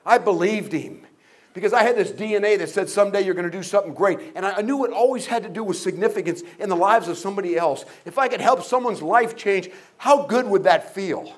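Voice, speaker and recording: A man's voice: sits high, fast. An older man speaking as a guest at a motivational event, telling humorous stories, asking the audience questions and acting out voices. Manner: humorous storytelling with jokes and acted-out voices; asks the audience rhetorical questions.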